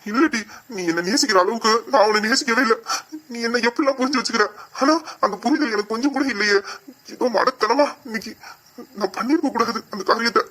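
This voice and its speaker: Someone playing a brisk, bright-voiced remorseful uncle. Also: mid-range voice, close to an everyday voice. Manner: tender, apologetic, teasing. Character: remorseful, loving young man, the uncle. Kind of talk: audio drama acting.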